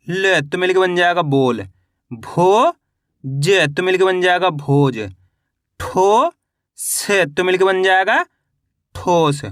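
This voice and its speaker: A man teaching reading, patiently sounding out each syllable and stretching the words slowly. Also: sits high, pushed and bright, no echo, studio quality. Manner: patient, repetitive, drawn-out word sounding. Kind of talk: slow syllable-by-syllable phonics lesson.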